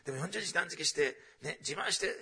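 A middle-aged male pastor preaching a sermon in a church, swinging from hushed near-whispers to loud, excited storytelling. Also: on the high side, brisk, vocal fry, slightly rough.

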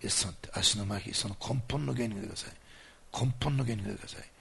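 A man's voice: fairly low pitch, fast talker, creaky, fairly bright tone, slightly rough. A man preaching as a pastor and leading a fervent healing prayer, with commanding declarations and earnest appeals to his listeners. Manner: earnest, coaxing address to listeners.

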